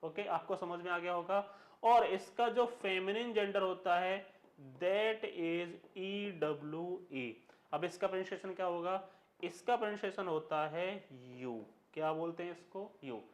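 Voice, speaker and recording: A man's voice: sits high, moderate pace, roomy sound. A man teaching English grammar to schoolchildren in a classroom lecture. He switches between Hindi and English, spells words out letter by letter, and asks the class questions that he answers himself.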